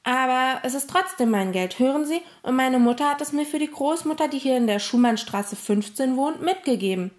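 A woman reading a storybook voices an angry boy who shouts and pleads, close to tears. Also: high-pitched, lively intonation, fairly quick, few pauses, pitched above the performer's own voice. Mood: excited.

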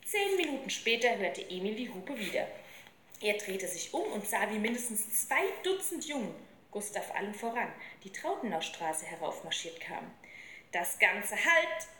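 A woman reading a children's book aloud in a lively storytelling manner. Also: medium pitch, moderate pace, slight background noise. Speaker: reader. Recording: roomy with faint ambience.

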